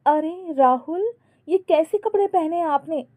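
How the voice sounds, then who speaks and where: A woman's voice: very high voice, slow pace, dark tone, voice pushed up. A woman voicing a bossy, fashion-obsessed young wife who talks insistently and dramatically in a storybook.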